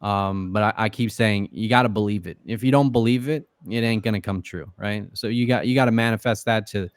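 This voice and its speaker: This podcast guest speaks a little fast in a low-leaning voice, his casual interview chatter loose, full of fillers and swearing. The studio-quality recording carries no echo.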